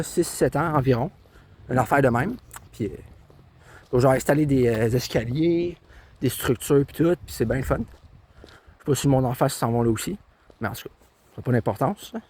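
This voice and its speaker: A man's voice: mid-range voice, darkish tone, slight background noise. A young man with a Québécois accent rambles cheerfully while walking a country trail, filming himself on a tablet held in his hand. His voice sits in a mid range and is easygoing and self-mocking. Faint outdoor ambience with birds and passing cars runs behind him. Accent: Québécois French. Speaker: vlogger. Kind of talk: casual walking vlog. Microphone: handheld tablet camera.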